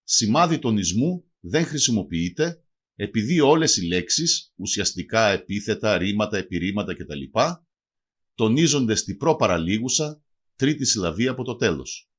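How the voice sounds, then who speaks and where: A man reading a scripted language lesson, spelling out example words slowly and deliberately. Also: lowish voice, expressive, breathy edge. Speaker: language teacher.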